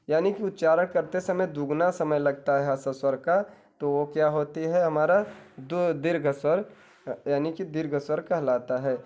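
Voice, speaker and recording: A man's voice: fairly high pitch, a little mellow. A man teaching an exam-prep grammar lesson, asking questions and answering them himself, and telling viewers to take notes.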